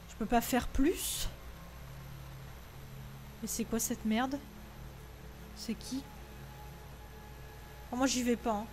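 A woman's voice: a little high, steady tone, takes it slowly, pauses often, background noise. A woman streaming a horror game, frightened and tense, swearing and then apologizing. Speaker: gaming streamer. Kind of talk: horror game let's play.

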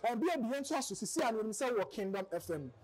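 Ghanaian man interviewing with quick questions. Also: sits high, very animated, low-quality recording. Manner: brief affirmations, asks questions. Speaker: interviewer, show host. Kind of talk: casual interview.

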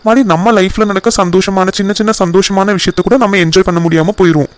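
A man voicing a caring young husband in a cartoon who gently reassures his wife. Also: high voice, steady tone, fast talker, close to an everyday voice. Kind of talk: cartoon voice acting.

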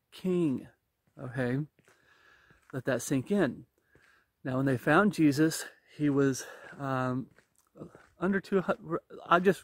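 A man's voice: on the high side, no echo. A man in his forties preaching informally and emphatically as he walks outdoors, pressing his points with rhetorical questions, recorded on a phone at arm's length. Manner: talking while walking. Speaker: religious vlogger. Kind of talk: informal preaching while on a walk. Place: outdoors on a wooded path.

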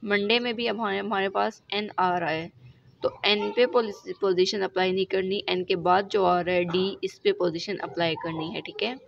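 A woman with a Pakistani Urdu accent teaching shorthand in a recorded lesson, going slowly step by step and checking in with the class after each point. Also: medium pitch, fairly even intonation, creaky. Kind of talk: recorded lesson explaining examples. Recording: dull lo-fi recording with faint noise.

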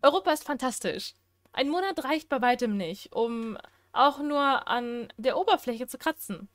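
A woman reading out a letter as a cocky, joking young man, slowly and playfully. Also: high voice, expressive, fairly bright tone, no echo. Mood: teasing.

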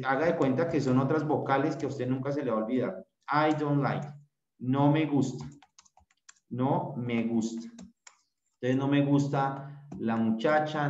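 A man teaching an English class over a video call, repeating short phrases slowly so the students can copy them. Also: medium pitch. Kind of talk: virtual class instruction. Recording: echoey room, dull lo-fi sound.

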